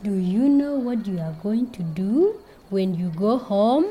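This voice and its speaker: A woman's voice: mid-range voice, very animated, a little slow, dark tone, slight background noise, poor audio. A woman teaching a group of children, speaking in an encouraging, sing-song way. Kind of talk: children's lesson.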